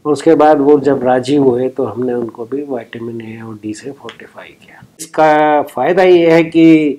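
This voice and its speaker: A program official speaks slowly in an interview, pausing and filling gaps as he explains. His voice sits at a middle pitch for a man. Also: dark tone, poor audio. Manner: slow and hesitant, with fillers.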